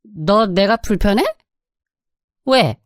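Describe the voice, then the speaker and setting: A bossy, nagging older mother-in-law, voiced by a woman in a storytelling radio drama. She scolds in a raised, piercing tone with swooping, lively inflection. The recording is dry and close. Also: medium pitch, slow, no echo, pitched above the performer's own voice. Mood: indignant.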